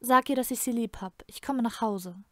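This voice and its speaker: A woman's voice: a little high, moderate pace, dry recording, clean studio sound, natural voice. A woman reading aloud and voicing a proud, defiant mother who is a guardian, firm in her answers. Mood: tender, hurried.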